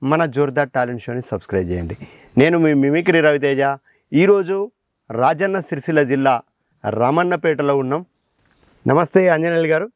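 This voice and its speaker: A man with a Telangana Telugu accent hosting a talent show and interviewing a guest, energetic and promotional. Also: a little high, moderate pace, long pauses, no room sound. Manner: energetic, promotional, frequent mm-hm backchannels. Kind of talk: casual interview.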